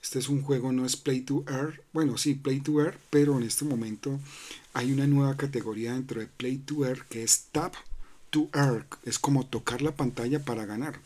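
Warm and steady, this man's medium-pitched voice keeps a moderate pace. He hosts a crypto channel, narrating a screen-recorded walkthrough casually with lots of fillers and restarts, and he keeps asking "¿no?".

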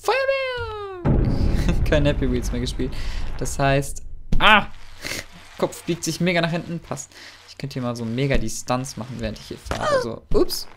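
A man giving excitable, chatty commentary while playing a game, often yelping and exclaiming. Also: a little high, unhurried, background noise. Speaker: let's player.

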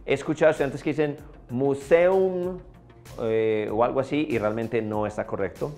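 A man teaching English pronunciation, repeating each word slowly in drills. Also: mid-range voice, a little mellow, soft background music. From Colombia. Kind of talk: pronunciation lesson.

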